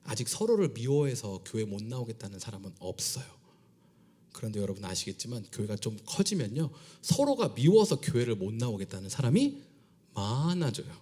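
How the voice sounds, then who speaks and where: A man's voice: mid-range voice, fairly quick, slightly rough. A man preaching a sermon as a church pastor, acting out dialogue and dropping to whispers at times. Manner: animated preaching, voicing God and Jonah in dialogue, dropping to whispers. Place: church sanctuary.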